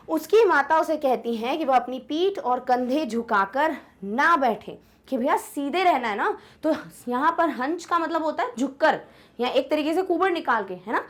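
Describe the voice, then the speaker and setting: A young woman teacher explaining an English poem in a chatty way, often checking whether students follow and reading the English lines slowly. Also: sits high. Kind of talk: online lesson explaining an English poem in Hindi.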